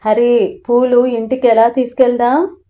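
A woman narrator voicing a lively, chiding young girl raised in a town, in an audio storybook. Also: fairly high pitch, a little slow, natural voice.

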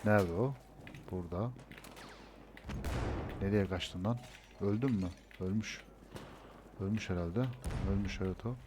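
A gameplay streamer with a deep voice mutters his commentary to himself a little slowly, pausing often and bursting into frustrated swearing. Game gunfire and a noisy background surround his casual talk.

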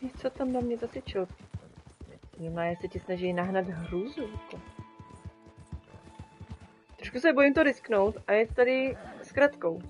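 A woman's voice: mid-range voice, pauses often, faint music behind. A woman streaming a game live, chatting casually with her viewers and talking to the animals on screen. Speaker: streamer and graphic designer.

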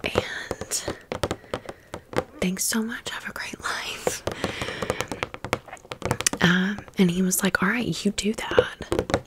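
Very slow and pausing often, this medium-pitched American woman whispers with fairly even intonation. As a video creator, she rambles chattily through a haul and story ASMR-style, repeating words softly.

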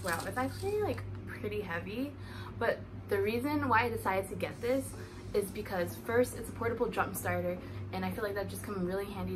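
A young woman in her twenties chatting through a casual unboxing vlog, upbeat and thinking aloud, filmed by a camera in front of her in a living room. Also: mid-range voice. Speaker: vlogger. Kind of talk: casual product haul vlog. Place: living room at home, indoors. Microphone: camera in front at table distance.

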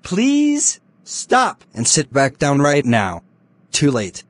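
A synthetic text-to-speech male voice reading lines for animated characters, with a flat machine delivery. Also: fairly high pitch, slow, noisy background.

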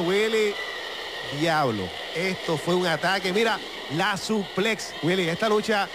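A male wrestling commentator with a Puerto Rican accent delivers excited play-by-play in a raised, high voice. His manner is showy, addressing viewers and his partner, with clear arena noise around him. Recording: noisy arena broadcast. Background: arena ambience.

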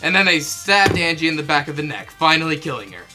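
With music in the background, a very animated, medium-pitched voice reads a game script as a fandub performance. The performer mixes scripted narration with casual joking chat, playful asides and quick laughter.

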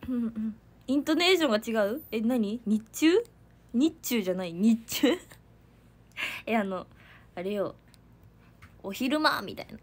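A woman's voice: on the high side, lively intonation, moderate pace, long pauses. Chatty young woman with lilt. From Hiroshima, Japan. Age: young adult. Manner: chatty, giggly, reads out comments. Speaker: idol livestreamer. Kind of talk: casual livestream chat. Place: family home, indoors.

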